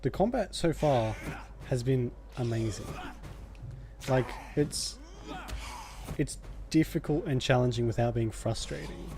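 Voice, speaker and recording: A man's voice: mid-range voice, expressive, a little slow, gravelly, pauses often, music in the background. A man giving casual let's play commentary in a rambling, reflective way. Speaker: video game streamer. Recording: faint background noise and game ambience.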